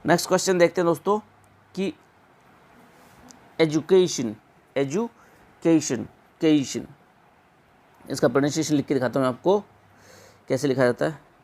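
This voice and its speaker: A man teaching an exam-prep English pronunciation lesson, repeating words slowly and drawn out. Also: a little high, darkish tone.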